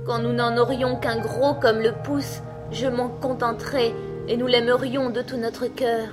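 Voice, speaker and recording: A woman's voice: on the high side, little pitch movement, a little slow, music in the background, voice pushed up, close to an everyday voice. A woman voicing a sad peasant wife who speaks with a tender, sighing manner, in a storybook reading. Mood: longing.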